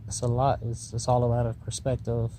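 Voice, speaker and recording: A man's voice: mid-range voice, monotone, fast, dark tone. A man tripping on mushrooms, musing in a spaced-out, drifting, repetitive philosophical monologue addressed to the listener. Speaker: vlogger. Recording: noisy recording with vehicle-like ambient noise.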